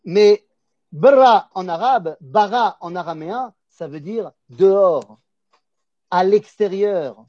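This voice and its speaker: High-voiced man teaching with a Polish accent. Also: slow, no echo. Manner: emphatic, repeats key words, asks and answers his own questions. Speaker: Torah teacher. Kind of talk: religious lesson. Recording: dull, dry lo-fi recording.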